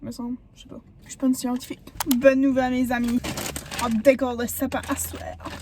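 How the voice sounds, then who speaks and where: Fast, high hoarse Québécoise vlogger. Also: female voice, flat delivery, noisy background. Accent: Quebec French. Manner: chatty, rambling, full of fillers. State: hoarse from a sore throat. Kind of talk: casual vlog chat.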